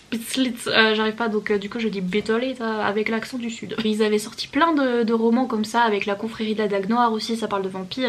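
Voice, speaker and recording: Chatty young woman, laughs often. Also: fairly high pitch. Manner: chatty, laughs often, slips into English phrases. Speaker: book youtuber. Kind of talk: casual chat to camera.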